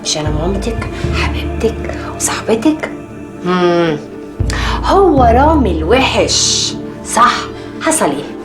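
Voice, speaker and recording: An actress playing a middle-aged Egyptian mother who talks in an expressive way, shifting between soft coaxing and tearful outbursts. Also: mid-range voice, measured pace, music in the background. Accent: Egyptian Arabic. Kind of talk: TV drama acting.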